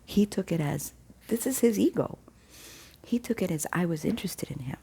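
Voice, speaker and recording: Woman, casual storyteller, dark gravelly voice, chatty testimony. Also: lowish voice, lively intonation, moderate pace. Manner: chatty, acts out quoted dialogue with restarts. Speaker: vlogger sharing a faith testimony.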